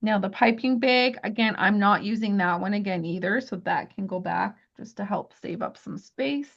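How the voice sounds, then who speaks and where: A woman's voice: medium pitch, normal speed, gravelly, highs cut off. A woman teaching a live crafting class at home, chatty and friendly, walking viewers through each step. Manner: chatty, friendly instructing with little laughs.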